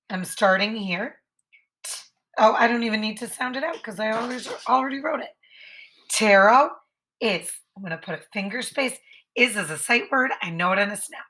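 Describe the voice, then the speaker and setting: A woman teacher modeling writing for young children, thinking aloud patiently and slowly stretching each word into its sounds. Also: on the high side, sharp tone.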